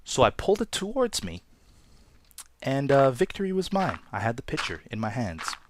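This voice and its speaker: A man's voice: medium pitch, huge pitch swings, normal speed, noisy background. A man from Toronto hosting a Let's Play, telling a story in a chatty, rambling, self-deprecating way over gameplay. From Toronto, Canada.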